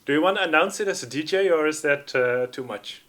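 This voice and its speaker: A man's voice: a little high, lively intonation, fairly quick, fairly bright tone. A man hosting a live music stream, chatting loosely and reading out viewer comments. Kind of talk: casual livestream chat.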